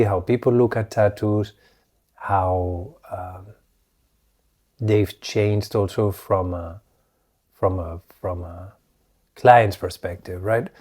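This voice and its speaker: A man, hosting a solo podcast, talking reflectively with many restarts, his voice a little hoarse as it recovers. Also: lowish voice, mellow. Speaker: podcast host.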